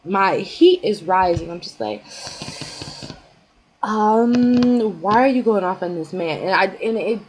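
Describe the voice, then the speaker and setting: A woman's voice: mid-range voice, slow pace, a little mellow, slight background noise, poor audio. A young woman vlogger telling a story in a chatty, rambling way, full of "like" fillers. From United States. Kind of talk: casual storytime vlog.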